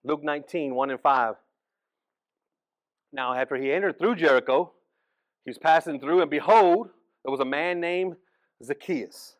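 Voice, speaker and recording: Animated pastor telling a sermon story. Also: male voice, on the high side, normal speed, long pauses, no echo. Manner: animated storytelling, acts out voices, frequent restarts.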